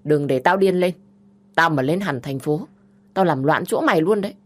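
A woman voicing a bossy older sister who scolds loudly and harshly. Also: low-pitched, moderate pace. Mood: furious.

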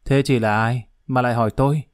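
A man's voice: mid-range voice, steady tone, quick pace, no room sound, clean studio sound, natural voice. A man voicing a sly, domineering woman near fifty who talks in a cool, mocking, condescending way.

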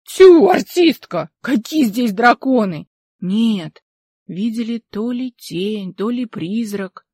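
A woman's voice: medium pitch, slow, mellow, no echo. A woman voicing a talkative old village man who tells local legends in an emphatic, rustic way. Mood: folksy storytelling. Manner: folksy, emphatic, rustic speech.

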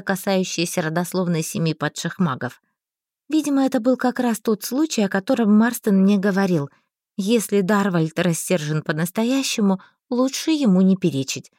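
A woman narrating a first-person fantasy novel in a lively storytelling manner. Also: medium pitch, dry recording, studio quality. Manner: lively storytelling, voicing every figure. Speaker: audiobook narrator.

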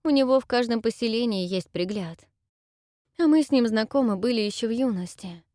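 A woman voicing a timid, tearful young widow who once acted on stage, speaking softly and pleadingly. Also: fairly high pitch, lively intonation, a little fast, no echo, studio quality, voice pushed up, lightly acted. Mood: confessing. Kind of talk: audiobook character voice.

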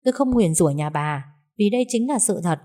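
A woman voicing a defiant young daughter-in-law who speaks fast and cuttingly in a narrated story. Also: medium pitch, expressive, warm tone, close to an everyday voice.

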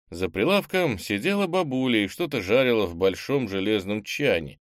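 A man with a low voice narrates an audiobook in a calm, even storytelling manner. The recording is close and dry, with no room echo. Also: clean tone. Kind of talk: scripted narration.

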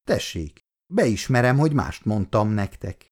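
A man's voice: lowish voice, sing-song. A male reader voicing an evasive young man who placates his mother. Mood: sheepish. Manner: placating, sheepish.

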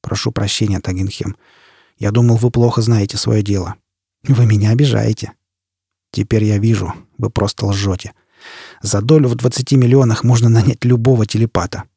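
A man's voice: lowish voice, steady tone, moderate pace, creaky, mellow, slightly rough, no room sound, clean studio sound. A male reader voicing a terse, brooding male spaceman prisoner in an audiobook. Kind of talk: audiobook character reading.

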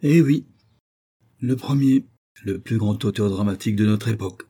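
A man's voice: on the low side, normal speed, warm tone, breathy edge. A man reading an audiobook, voicing a middle-aged male actor who is shaken by grief and speaks in a colloquial, emotional way. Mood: grieving.

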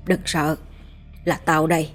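A woman voicing a stern older male village sorcerer who lectures in a gruff, rough-spoken way. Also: low voice, flat delivery, measured pace, soft background music. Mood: reassuring. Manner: gruff, lecturing, uses rough familiar address.

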